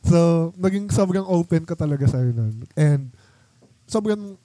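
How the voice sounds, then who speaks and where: A young man hosts a casual chat among old friends, rambling through his stories with plenty of fillers. His voice sits a bit high yet sounds mellow and dark. The recording is dry and close. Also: lively intonation, unhurried, dry recording. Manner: rambling storytelling with many fillers and laughs. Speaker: podcast host.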